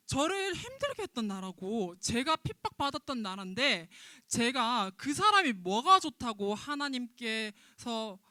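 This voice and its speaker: An indignant prophet played by a woman wails his loud, whiny protests in a dramatized Bible story for children. The tone is bright and sharp, and the sound is close and dry with no room around it. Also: a little high, no echo. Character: indignant, sulking male prophet Jonah.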